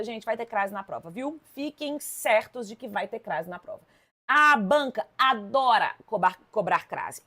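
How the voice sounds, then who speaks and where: A lively Brazilian woman leads an exam-prep grammar lesson. Her voice sits a little high, and she stresses key words as she speaks to her students. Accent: Brazilian Portuguese. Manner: lively, emphatic, addresses students directly. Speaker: Portuguese teacher.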